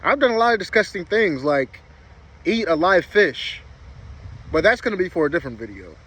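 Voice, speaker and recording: A slightly high-voiced man chats casually to his viewers over noticeable background noise with vehicle sounds. His speech is a little muffled, as from a lip full of dip, and he tells his stories in a loose, rambling, informal way. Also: big pitch swings, moderate pace, fairly bright tone. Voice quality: slightly muffled articulation from a lip packed with chewing tobacco. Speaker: vlogger. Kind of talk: casual storytelling chat to camera.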